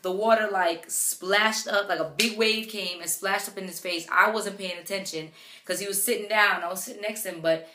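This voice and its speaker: A young woman, a mother, chatting casually to camera with lots of "like" and "um" in an animated retelling. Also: mid-range voice, moderate pace, noisy background. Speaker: vlogger, mother. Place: home room with her baby beside her. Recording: echoey room.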